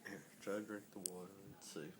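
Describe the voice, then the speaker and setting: A man's voice: lowish voice, fairly even intonation, fast, a little hiss or hum. A man at home giving his partner laid-back, teasing replies. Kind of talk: casual home chat. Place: home, indoors.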